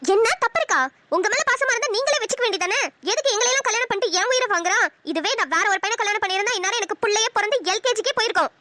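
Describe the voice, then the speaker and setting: A woman voicing a fiery, sharp-tongued young wife in a cartoon, scolding in a rapid-fire stream. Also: very high-pitched, noisy background. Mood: ranting. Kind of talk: cartoon voice acting.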